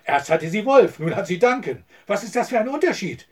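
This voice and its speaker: A man's voice: high voice, sing-song, a little fast, breathy edge, far from the mic, pitched above the performer's own voice, full character voice. Man reading as a level-headed reasoning outlaw. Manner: reasoning, insistent. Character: level-headed male outlaw, calming the others.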